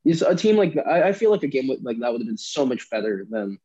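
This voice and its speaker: Dull lo-fi recording, young man, American accent, mellow tone, casual sports prediction talk. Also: mid-range voice, very animated, quick pace, slightly rough.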